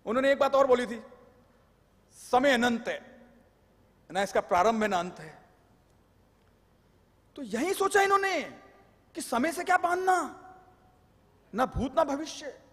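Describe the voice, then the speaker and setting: Male lecturer, high voice, wry and explanatory, live hall with long reverb. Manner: joking, explanatory, mixes English terms. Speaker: tax law speaker.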